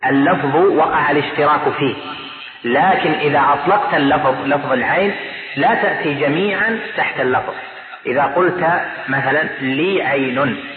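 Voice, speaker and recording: A man teaching as a sheikh, explaining a classical text step by step, repeating key terms and checking that his students follow. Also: medium pitch. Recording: echoey lecture hall, tinny lo-fi audio, audience present.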